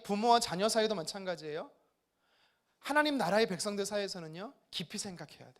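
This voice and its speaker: A man's voice: high voice, a bit bright. A male pastor preaching a sermon at a church service, emphatic and often putting questions to the congregation.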